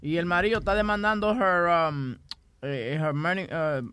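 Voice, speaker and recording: A man's voice: high voice, moderate pace, sharp tone, clear, resonant tone, no room sound. A man co-hosting a radio show, chatting about celebrity gossip and mixing in English. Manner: chatty, mixes English and Spanish. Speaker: radio co-host.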